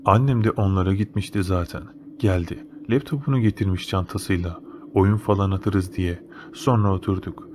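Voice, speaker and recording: A man's voice: low-pitched, normal speed. A man narrating a first-person horror story in a casual, slangy, matter-of-fact way. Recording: noticeable background noise.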